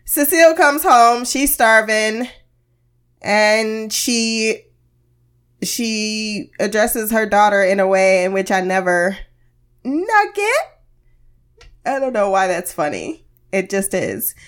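A woman's voice: medium pitch, takes it slowly, fairly bright tone, clear, resonant tone. An American woman hosting a casual TV review podcast, candid and wry, sounding under the weather and heavily medicated. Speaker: podcast host.

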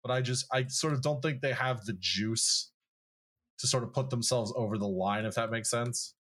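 Medium-pitched man chatting about sports. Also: normal speed, a bit bright. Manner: hedging, thinking aloud. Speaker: podcast co-host. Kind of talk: casual sports chat.

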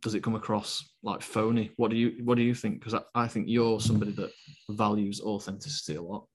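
A man co-hosting a podcast, talking in a steady, not very animated way and hesitating with fillers. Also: fairly low pitch, quick pace, husky. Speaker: podcast co-host. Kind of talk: casual podcast chat.

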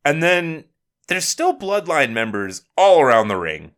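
A man's voice: on the high side, big pitch swings, measured pace, fairly bright tone. A man co-hosting a podcast, ranting heatedly and swearing as he recaps a show. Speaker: podcast co-host. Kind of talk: casual chat.

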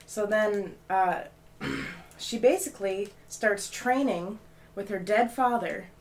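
A woman's voice: mid-range voice, slow pace, slight background noise. A woman in her twenties chatting casually, rambling with many fillers and restarts. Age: 20s. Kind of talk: casual chat.

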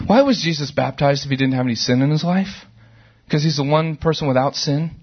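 A middle-aged man preaching a sermon to a church service, conversational and animated, with sudden loud outbursts. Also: a little high, a little fast, slightly rough, dull audio. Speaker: pastor.

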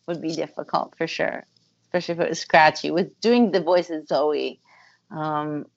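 A woman's voice: deep voice, no room sound, lo-fi sound. A woman, a musician and former voice actor, talking thoughtfully in a casual interview over a video call, with frequent ums and uhs.

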